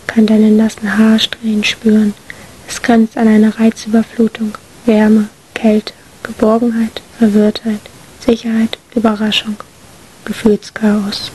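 A woman narrating an emotional first-person story in a whispered role-play, hushed and breathy. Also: on the high side. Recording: faint hiss.

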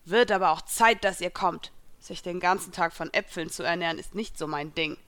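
A woman's voice: lowish voice, moderate pace, fairly bright tone, natural voice. A woman voicing a grumpy young male fighter in a fan fiction reading, grumbling and complaining.

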